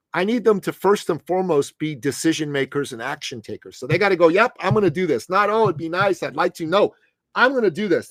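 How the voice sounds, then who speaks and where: This high-pitched man speaks with no echo around him. Late fifties and from the Middle East, he works as a success coach and comes across emphatic and punchy in a podcast interview, calling the host "man" and "brother."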